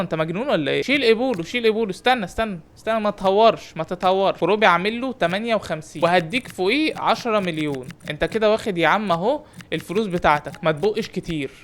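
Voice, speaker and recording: A young man with an Egyptian Arabic accent, commenting on his own gameplay in rapid, animated banter and teasing the characters on screen. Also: high voice. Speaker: gaming YouTuber.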